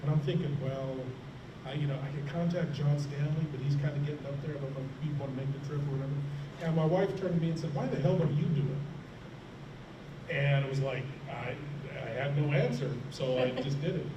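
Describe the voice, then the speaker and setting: A middle-aged horror host chats and tells anecdotes on a panel in a large convention room. His voice is on the high side, and the audio is dull, roomy, distant, and noisy from the hall.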